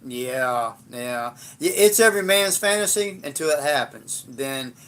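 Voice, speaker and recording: A man's voice: mid-range voice, expressive, unhurried, fairly bright tone. An older man, telling a rambling, blunt and profane story in a casual livestream. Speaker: livestream host.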